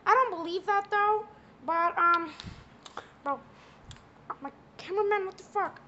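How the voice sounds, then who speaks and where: A man's voice: a little slow, bright, forceful tone, muffled recording, slight background noise, full character voice. A young man voicing Mickey Mouse as a crude, bumbling cook in a comedy skit with a plush toy. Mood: goofy. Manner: high squeaky put-on voice, swearing, drawling.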